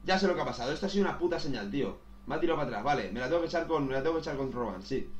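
Excitable gamer man, echoey. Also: on the high side, rapid-fire. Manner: excitable, swears, says "tío" constantly. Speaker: gaming youtuber. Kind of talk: casual gameplay commentary.

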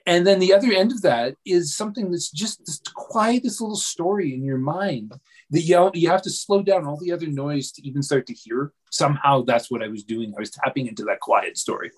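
A man, a dreamwork coach, telling a long personal story in a relaxed interview, with many pauses, restarts and fillers. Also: fairly high pitch, breathy edge. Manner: hesitant, many restarts and fillers, self-deprecating.

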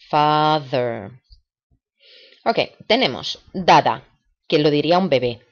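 Woman, low voice, patient language teacher, slow repetitions, dull lo-fi sound. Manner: patient, repeats words slowly for imitation. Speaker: English teacher for parents. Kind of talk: video lesson, explaining and drilling words. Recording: dull lo-fi recording.

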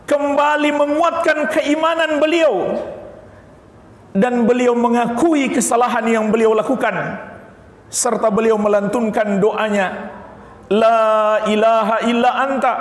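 High-voiced preacher in an echoing mosque. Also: male voice. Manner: impassioned, rising to emphatic calls. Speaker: Friday preacher. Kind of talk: sermon. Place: mosque pulpit, indoors. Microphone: stand mics at the pulpit. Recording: echoey mosque hall with long reverb.

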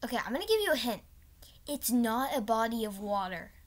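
A woman's voice: a little high, big pitch swings, fairly quick, a little hiss or hum. A female host chatting casually while drawing for a guessing game. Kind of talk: casual chat.

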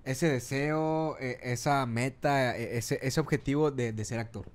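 A man hosting a casual podcast, halting and restarting his words, with relaxed slang. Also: medium pitch. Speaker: podcast host. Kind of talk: casual chat.

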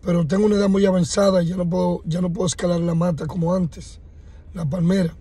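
A man voicing an aging male gorilla king in a fable, gentle and pleading. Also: high voice, flat delivery, fast talker, husky, dry recording. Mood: longing.

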